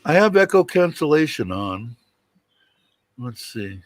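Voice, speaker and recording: A man with a deep, rumbling voice hosting a casual livestream, rambling and hesitant as he chats. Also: sing-song, slow pace, no echo. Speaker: host of a livestream show.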